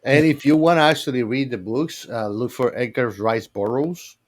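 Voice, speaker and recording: Chatting casually as a podcast co-host, this man trades fan talk with enthusiasm, emphasis and playful argument. He has a mid-range voice and speaks at normal speed.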